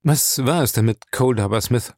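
A man's voice: mid-range voice, normal speed, a little mellow, no echo, studio quality, lightly acted. A man reading an audiobook voices an impatient former soldier turned police captain who speaks in a clipped way. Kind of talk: audiobook character voice.

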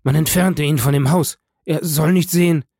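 A man's voice: medium pitch, a little slow, creaky, darkish tone, dry recording, studio quality. A man voicing a frantic, fearful male prosecutor in an audiobook reading, calling out urgently. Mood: panicked.

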